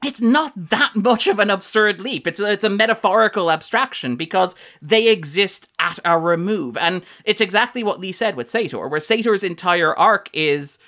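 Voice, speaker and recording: A man co-hosting a podcast, talking through a film's themes in a long, animated, fast-flowing analysis. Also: high-pitched. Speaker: podcast co-host. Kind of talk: casual film discussion.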